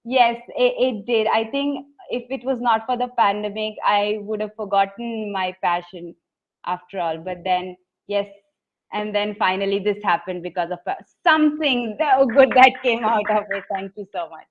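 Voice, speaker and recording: Heard through dull lo-fi audio, this woman guest, a poet and author, speaks at a normal speed with a steady tone in a mid-range voice. She has an Indian English accent and reflects earnestly on her story in a conversational interview.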